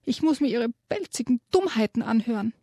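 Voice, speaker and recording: A woman voicing a small, excitable female rat in a children's storybook reading, with a shrill, urgent and agitated manner. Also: a little fast, slightly rough, dry recording, studio quality. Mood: indignant. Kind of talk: reading a children's book aloud.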